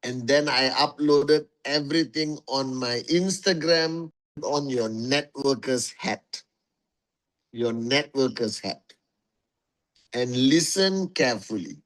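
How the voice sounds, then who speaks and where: This livestream host has a medium-pitched, fairly bright voice and a slow delivery. Talking into a phone mic for his network marketing followers, he keeps it casual, welcomes viewers individually as warriors, and leans on repetition for emphasis.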